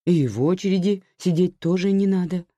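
A woman reading a story aloud, voicing a practical, sympathetic young friend who speaks calmly. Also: fairly low pitch, brisk, dry recording, lo-fi sound, pitched above the performer's own voice, close to an everyday voice. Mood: reasonable.

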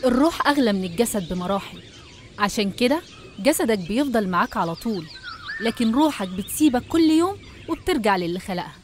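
Her voice is on the high side, animated and fast, with a little hiss or hum in the audio. This Egyptian-accented woman narrates a scripted religious story didactically, addressing the listener directly.

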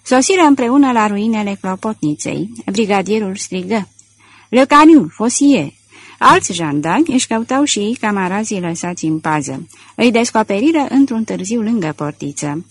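A woman's voice: mid-range voice, lively intonation, slightly rough, dry recording. A woman narrating a detective novel as an audiobook, reading expressively into a close mic.

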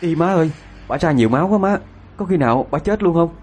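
A man's voice: fairly high pitch, expressive, quick pace, a little mellow, breathy edge, soft background music, pitched above the performer's own voice. A man doing a whiny, frightened young daughter. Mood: anxious. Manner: anxious, whining.

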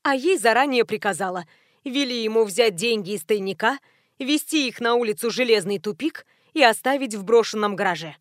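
A woman reading the part of a gangster's wife who answers in a flat, matter-of-fact, childlike way. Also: on the high side, a little fast, dry recording, clean studio sound, close to an everyday voice. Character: blunt gangster's wife, adult woman, unbothered. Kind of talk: audiobook character reading.

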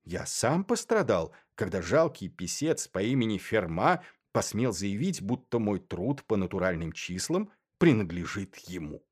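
A man reading first-person literary narration in a measured, dry and ironic way. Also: on the low side, big pitch swings. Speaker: audiobook narrator.

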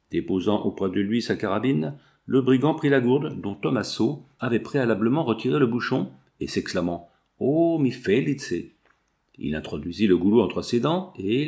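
Gravelly male audiobook narrator. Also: medium pitch. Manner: measured, steady reading.

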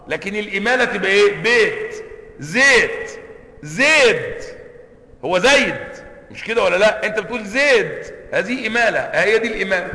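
A man's voice: high-pitched, bright, forceful tone. An Egyptian man, a sheikh teaching Quranic sciences, who explains points, asks his class questions and repeats words to show how they are pronounced. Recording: echoey hall, long reverb.

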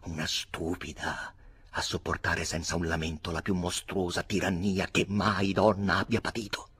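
A man voicing an older noblewoman who hurls bitter, scornful insults in a shrill, scolding tone. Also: level tone, moderate pace, a bit bright, slightly rough, exaggerated voice. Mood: furious.

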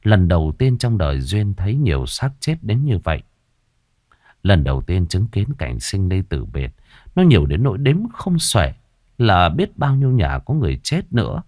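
A man narrating a dramatic audio story in a low voice with lively, rising and falling intonation. The sound is dry and close. He tells the story with emotive, expressive delivery. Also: normal speed, no echo.

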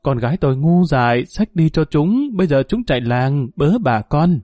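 A man voicing a shrill, spiteful older village woman who screeches abuse. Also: expressive, moderate pace, warm tone, dry recording, studio quality, soft background music, close to an everyday voice. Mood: shrieking abuse. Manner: screeching, abusive.

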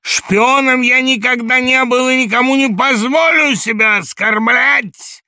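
A man's voice: sits low, wildly swooping pitch, slow, vocal fry, mellow, slightly rough, dry recording, clean studio sound, pitched below the performer's own voice, full character voice. A man voicing a middle-aged army doctor, irritable but kind-hearted, with a voice that trembles when angered, as in an audiobook. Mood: indignant. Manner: blustering, trembling voice when angry. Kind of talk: audiobook reading.

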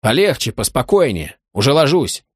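A man voicing a jittery, half-dressed male suspect in an audiobook, shouting and pleading at the police. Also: medium pitch, big pitch swings, normal speed, breathy edge, no echo, clean studio sound. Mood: panicky. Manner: shouting, panicky. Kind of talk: audiobook character voice.

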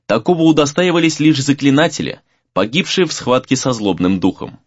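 A man reading a fantasy novel aloud as narrator, in a measured reading with varied emphasis. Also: mid-range voice, animated, dry recording, muffled recording. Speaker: audiobook narrator.

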